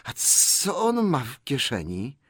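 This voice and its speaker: A man voicing a wretched, scheming creature in an audiobook, with a whiny, croaking, hissing voice. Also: mid-range voice, huge pitch swings, takes it slowly, a bit bright, dry recording, studio quality, voice pushed up, heavily acted. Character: wretched slimy creature, whining, scheming, obsessive. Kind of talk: audiobook character voice.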